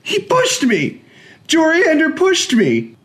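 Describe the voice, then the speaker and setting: A man's voice: very high-pitched, huge pitch swings, slow, a bit bright, pitched above the performer's own voice, exaggerated voice. A man voicing a bratty young boy who screams and whines demands. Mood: sobbing. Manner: screaming, whiny.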